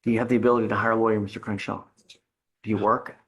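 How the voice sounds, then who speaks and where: A man's voice: lowish voice, flat delivery, racing, fairly bright tone, breathy edge. A man speaking as a judge in a courtroom, giving blunt, stern orders and warnings in a directive way. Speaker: judge presiding over bond hearings.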